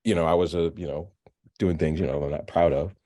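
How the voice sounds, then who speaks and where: Very deep, mellow man in his fifties. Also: steady tone. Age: 50s. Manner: halting, many restarts and repeated words. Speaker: filmmaker and novelist, alumnus guest. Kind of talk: interview, conversational. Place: virtual interview.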